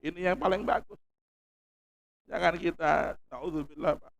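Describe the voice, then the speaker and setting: A man preaching in a large mosque with a Javanese accent, swinging between loud emphasis and hushed pleading. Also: fairly high pitch, fairly even intonation, measured pace, gravelly, lo-fi sound. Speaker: Islamic preacher. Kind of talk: sermon.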